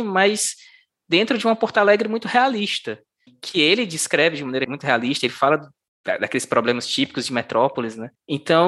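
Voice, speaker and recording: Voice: mid-range voice, a bit bright. A chatty interviewer who laughs often and asks long, wandering questions about a book.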